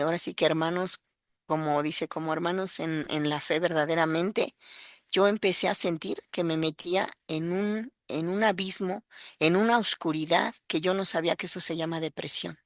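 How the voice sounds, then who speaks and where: A woman's voice: fairly low pitch, steady tone, moderate pace, fairly bright tone, no room sound, clean studio sound. A woman with a Mexican accent giving an emotional personal testimony, earnest and full of fillers as she tells her story. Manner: earnest, breaks into acted quotes, many fillers.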